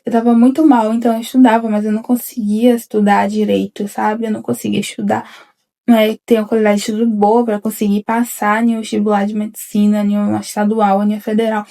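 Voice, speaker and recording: Gravelly-voiced young woman vlogging to camera. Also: medium pitch, level tone, fast, dark tone. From Bahia interior, Brazil. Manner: rambling, repeats "gente" often, frequent restarts. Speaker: vlogger, newly graduated dentist. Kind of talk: casual confessional vlog.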